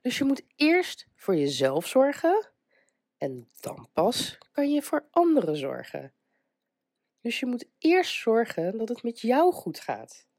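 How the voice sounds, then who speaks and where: A woman with a fairly high, wildly swooping voice and a darkish tone speaks slowly, stuffed up and congested as she gets over a cold. She hosts a casual motivational podcast, chatty and hesitant, breaking into small laughs. The clean studio recording has no room sound.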